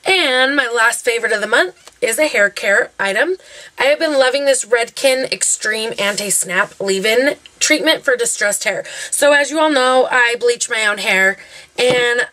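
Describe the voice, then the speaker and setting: Bright-voiced young woman vlogger, chatty. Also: fairly high pitch, expressive, a little slow. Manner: chatty, gushing, lots of fillers. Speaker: beauty vlogger. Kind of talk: casual favorites review.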